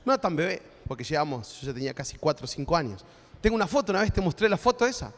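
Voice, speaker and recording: Man, Argentine accent, pastor's sermon, chatty preaching with frequent tag questions, high voice, reverberant church hall. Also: animated, fast talker, a bit bright. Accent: Argentine Spanish.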